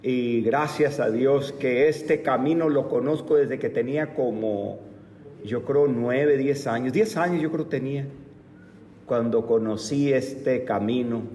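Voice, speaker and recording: Slow man teaching in an echoey church. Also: mid-range voice, mellow, slight background noise. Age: 50s. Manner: slow, deliberate teaching with rhetorical questions to the class. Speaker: Bible class teacher. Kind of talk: church Bible lesson. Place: church meeting room. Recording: echoey hall, mic far off.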